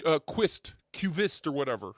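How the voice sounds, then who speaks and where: A man's voice: a little high, very animated, measured pace, no echo, studio quality. A man talking through a voice changer that morphs his voice, chatting casually and profanely about knives. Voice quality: profane, joking. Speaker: knife reviewer. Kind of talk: casual chat.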